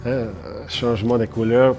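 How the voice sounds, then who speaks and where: A man from Belgium, speaking haltingly and searching for words in a documentary interview. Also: mid-range voice, flat delivery, darkish tone. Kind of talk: documentary testimony. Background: clear background guitar music.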